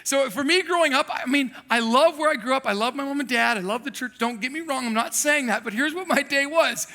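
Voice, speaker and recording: A pastor with a very high-pitched voice preaches briskly, telling animated, self-deprecating stories about growing up in Thailand. His sermon carries a long hall reverb.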